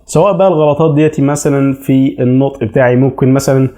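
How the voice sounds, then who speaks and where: A man's voice: mid-range voice, fairly even intonation, racing, warm tone. A man with an Egyptian Arabic accent giving chatty, reassuring advice as an English teacher in a casual explainer video.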